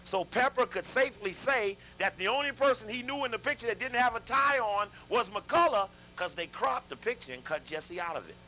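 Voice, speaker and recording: Guy giving a fired-up talk to a crowd, high bright voice, faint hum behind. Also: a little fast, few pauses, poor audio. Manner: animated, addresses audience directly, repeats and restarts. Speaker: lecturer. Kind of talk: lecture to a live audience.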